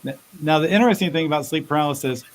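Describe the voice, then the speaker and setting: Halting male expert with faint hiss. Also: on the high side. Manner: halting, repeats words as he explains. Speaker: interview guest, expert speaker. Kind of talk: casual explanatory interview talk.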